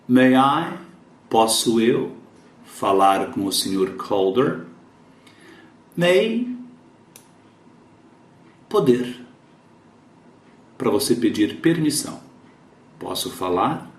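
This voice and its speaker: A man teaching English in Portuguese, slowly repeating English words and sentences for pronunciation. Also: fairly low pitch, lively intonation, reverberant. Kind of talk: English lesson in Portuguese, reading and explaining sentences.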